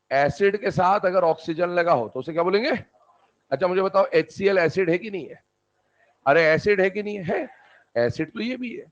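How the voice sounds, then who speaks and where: A man teaching a chemistry lesson in a lively lecturing manner, putting questions to students and answering them himself. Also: high-pitched, lo-fi sound. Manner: animated, calls students "beta", answers his own questions. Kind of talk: classroom lecture.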